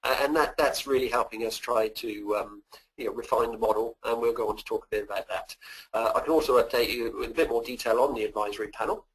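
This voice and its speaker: A man with an English West Country accent gives an informal webinar presentation over a call, speaking haltingly and repeating words. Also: mid-range voice, slightly rough, rough recording. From west of England. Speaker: software company presenter. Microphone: phoning in to a webinar.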